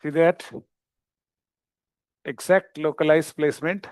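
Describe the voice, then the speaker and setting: A man's voice: fairly high pitch, fairly even intonation, slow pace, smooth, no echo, clean studio sound. A man with an Indian accent giving live surgical commentary as the operating surgeon, with terse, clipped instructions to assistants.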